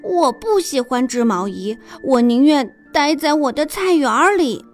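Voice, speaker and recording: A stubborn old aunt grumbles through every answer, read out by a woman. Her replies are short and impatient, with a lively rise and fall. It is a gentle children's storybook voice. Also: high-pitched, a little slow, soft background music. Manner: complaining, impatient.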